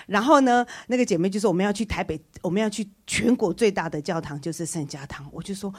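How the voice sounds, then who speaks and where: A woman tells her church testimony as a lively story. She acts out each person's lines in the dialogue, and her speech is full of fillers, restarts and laughter. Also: medium pitch, quick pace, slightly rough. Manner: many fillers and restarts, laughs while talking. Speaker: church member giving a testimony.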